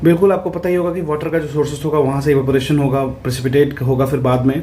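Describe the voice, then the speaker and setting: A man, an exam prep tutor, explaining answers in a casual lesson, checking in often and reading questions out slowly. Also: fairly high pitch, flat delivery, warm tone, a little hiss or hum. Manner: conversational, repeats "ठीक है" to check in, reads English questions out slowly.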